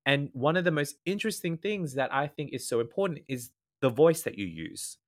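An Australian man, a former event MC appearing as a guest in a casual interview, speaks at a moderate pace with a fairly high, slightly nasal, animated voice. He earnestly explains his advice, laying out tips in ordered points.

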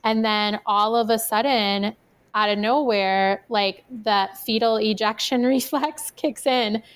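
Chatty young woman with a smooth voice. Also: on the high side, fairly even intonation, slow pace. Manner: chatty, fills speech with "like". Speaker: podcast guest. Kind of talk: personal storytelling in casual conversation.

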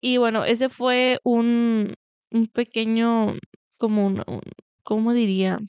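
Slow and steady, this podcast host has a slightly high, smooth, mellow voice, recorded dry. She's a young woman in her twenties who came to the US from Latin America at twelve, and her confessional monologue is frank and meandering, full of restarts and "bla, bla, bla."

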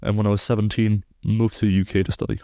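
A man's voice: on the low side, little pitch movement, fast, warm tone, no echo, clean studio sound. A man in his twenties from Belgium, a sports science researcher, explaining studies precisely and technically as a podcast guest. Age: 20s.

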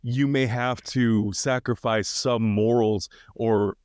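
A man's voice: medium pitch, fairly even intonation, slow pace, darkish tone, smooth, no echo, clean studio sound. A man co-hosting a casual film podcast, talking loosely with many fillers and restarts. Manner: loose, hesitant, lots of fillers. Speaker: podcast co-host.

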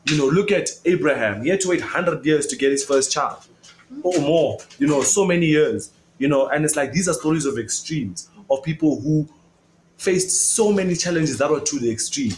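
A man's voice: fairly high pitch, animated, moderate pace, a little hiss or hum, low-quality recording. A young man co-hosting a casual faith podcast, talking earnestly and rambling with many fillers. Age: young adult. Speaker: podcast co-host.

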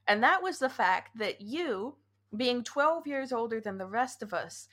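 A woman's voice: fairly high pitch, lively intonation, measured pace, fairly bright tone. A woman in her thirties co-hosting a podcast, telling stories in a casual chat and laughing often. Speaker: podcast co-host.

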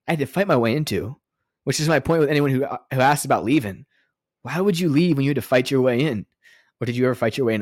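A man talks through his podcast, heartfelt and emotional one moment and teasing the next. His voice sits in a middle pitch and is recorded close and dry, with no room sound around it. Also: no echo. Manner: earnest and emotional, with joking sarcasm. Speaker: podcast host. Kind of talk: casual monologue.

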